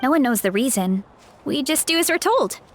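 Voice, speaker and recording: For a video game, a woman voices a cheerful, easygoing young tribeswoman, speaking in a high, very animated voice at a moderate pace. She's upbeat and breezy, laughing easily as she talks, with faint music in the background.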